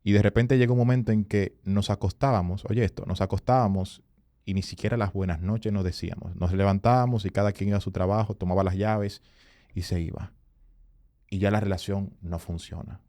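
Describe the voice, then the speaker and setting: Man, podcast guest, low voice, earnest emphatic storytelling, dry sound. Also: fairly even intonation, fairly quick, mellow, no echo. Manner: earnest, emphatic storyteller who rises in pitch for quoted voices. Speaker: guest, communication consultant and speaker.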